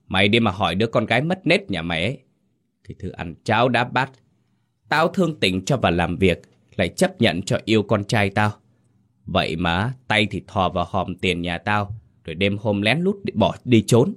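Story voice: man playing cruel noblewoman, shrill, scolding, quick. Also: expressive, a bit bright. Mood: furious scolding. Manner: scolding, spitting insults. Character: harsh middle-aged noblewoman, cruel and shrill.

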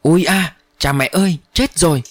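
A man's voice: mid-range voice, sing-song, normal speed, no room sound. A frightened, exhausted boy calls out in despair, voiced by a male reader. The sound is close and dry. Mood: terrified. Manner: desperate crying out.

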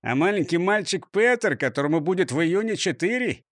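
A man's voice: high-pitched, animated, a little fast, fairly bright tone, no echo, studio quality. A man voicing a modest male fire chief who mumbles, in a children's storybook reading.

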